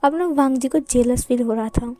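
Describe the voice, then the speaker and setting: A woman narrating a fan fiction story in a chatty manner. Her voice is high and mellow. The recording is dry and close, with faint music underneath. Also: moderate pace, dry recording.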